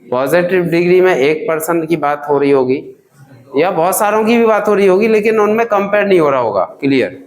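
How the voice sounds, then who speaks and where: A man's voice: high voice, lively intonation, a little fast, echoey room, rough recording. A man teaching grammar in a classroom, drilling students with repeated questions and calling them children. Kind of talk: classroom lesson.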